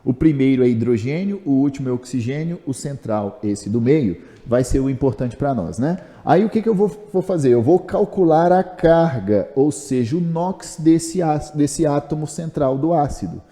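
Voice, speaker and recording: A Brazilian man with a Brazilian Portuguese accent teaches chemistry step by step in a chatty video lesson, posing questions to himself, answering them and joking at his own expense. His mellow, medium-pitched voice has lively intonation and a moderate pace with hardly any pauses, trailed by a long reverb tail.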